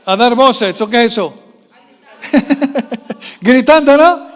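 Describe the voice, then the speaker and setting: Very high-voiced guy preaching in church, keeps firing questions at the crowd, big echoey hall. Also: expressive, slow. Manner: quizzes the congregation with constant questions; swings from soft low asides to loud raised passages. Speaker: pastor. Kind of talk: sermon.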